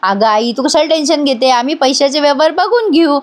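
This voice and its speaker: A woman's voice: high voice, expressive, a little fast, pitched above the performer's own voice. A woman voicing a cheeky, playful young sister in a recap of a TV serial.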